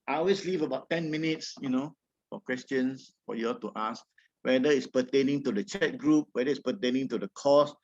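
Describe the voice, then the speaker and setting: A man's voice: mid-range voice, gravelly, a little mellow, highs cut off. A man with a Singaporean accent speaking as a trading coach in an informal webinar, colloquial and encouraging, with frequent tag words. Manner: colloquial Singlish with tags like "all right" and "lah". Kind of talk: informal webinar presentation with audience questions.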